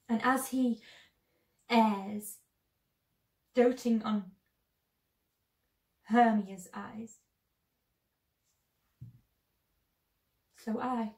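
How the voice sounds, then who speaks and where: Woman as lovelorn young tragic heroine, sorrowful classical stage verse, higher-pitched, roomy sound. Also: mellow, far from the mic. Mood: aching, bitter. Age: young adult. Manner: sorrowful, measured, theatrical delivery with long pauses. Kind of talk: dramatic classical Shakespeare monologue. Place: small bedroom, indoors. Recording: roomy echo.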